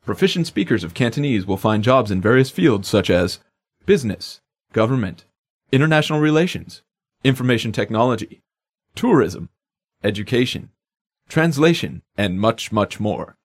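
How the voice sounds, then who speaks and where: Man, language lesson co-host, jokey, scripted banter, slightly low voice. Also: lively intonation, moderate pace. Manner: upbeat, jokey.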